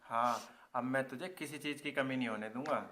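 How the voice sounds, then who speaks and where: एक युवा आदमी जो मेहनती बने गाँव के प्रधान के बेटे का किरदार निभा रहा है, हरियाणवी लहजे में सच्चे दिल से बोलता है।. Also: male voice, mid-range voice, moderate pace, background noise, close to an everyday voice. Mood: tender. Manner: earnest, heartfelt. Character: reformed young village man, earnest and devoted. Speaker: headman's son, laborer. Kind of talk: rural comedy film acting.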